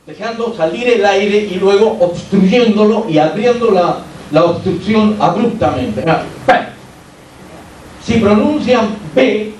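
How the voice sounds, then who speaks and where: High-voiced Peruvian man lecturing in a hall. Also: darkish tone. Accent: Peruvian Spanish. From Peru. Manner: explanatory, often checks in with rhetorical questions. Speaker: university lecturer. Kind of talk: academic lecture. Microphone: amplified by a sound system, recorded from the room. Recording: echoey hall, distant mic, faint hiss.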